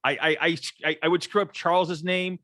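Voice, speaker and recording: A man's voice: a little high, little pitch movement, moderate pace, fairly bright tone, no echo. A middle-aged man from Ukraine moderating a casual panel chat, joking and stumbling over repeated words.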